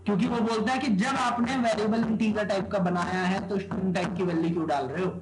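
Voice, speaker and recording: Male coding instructor, high voice, echoey classroom with background noise, keeps asking the class questions. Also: fairly even intonation, quick pace. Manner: quizzes students with rhetorical questions, keeps checking "okay?". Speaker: programming teacher. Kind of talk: live classroom lecture. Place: classroom with students.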